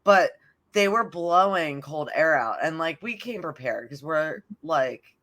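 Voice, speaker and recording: A woman's voice: low-pitched, animated, a little slow, a bit bright. A woman co-hosting a podcast, telling stories in casual chat and leaning on "like" a lot. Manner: chatty storyteller, fills talk with "like". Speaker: podcast co-host.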